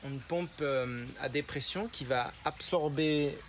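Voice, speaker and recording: Speaking slowly in a slightly high voice, a spirulina farmer patiently explains each step of his process during an interview, with noisy ambient sound around him.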